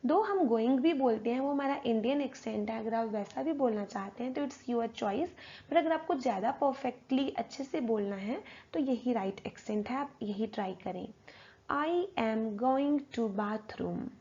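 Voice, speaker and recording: A woman's voice: a little high, moderate pace, mellow. A woman teaching spoken English, explaining in Hindi and drilling pronunciation word by word. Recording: dull lo-fi recording.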